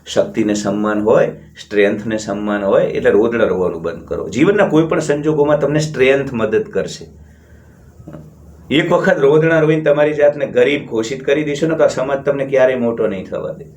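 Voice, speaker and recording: A man from India delivers a blunt motivational monologue to his channel's viewers. He talks in a scornful, emphatic way and repeats words to drive each point home. His voice sits in a middle pitch. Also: expressive, fairly quick, darkish tone. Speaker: motivational channel host and counselor.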